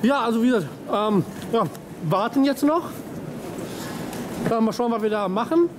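A young man with a high voice chats loosely to his camera, pausing often and filling gaps with "ähm". He is recorded at arm's length in a big indoor terminal, with a steady wash of crowd and hall noise behind him. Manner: chatty, rambling with fillers and pauses. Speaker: vlogger. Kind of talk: casual travel vlog chat. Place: large indoor airport terminal. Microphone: handheld camera at arm's length. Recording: noisy terminal background.

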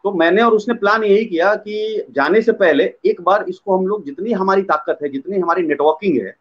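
A man, an actor, telling animated stories in a casual interview and slipping into imitations of others. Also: sits high, fairly quick, highs cut off. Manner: lively, slips into imitating others.

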